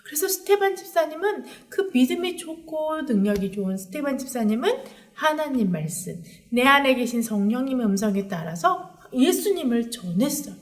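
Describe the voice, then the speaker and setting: A woman preaching a sermon to children, her voice high and swooping widely as she tells the story. She keeps turning to the kids with questions, lively and expressive throughout. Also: normal speed. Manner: animated, asks the children questions. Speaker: children's pastor.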